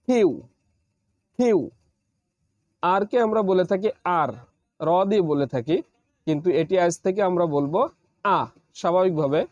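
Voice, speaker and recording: A man teaching an English pronunciation lesson, slowly repeating letters and urging viewers to practice again and again. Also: high-pitched, a little mellow, no room sound. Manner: encouraging, urges repeated practice. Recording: dull, dry lo-fi recording.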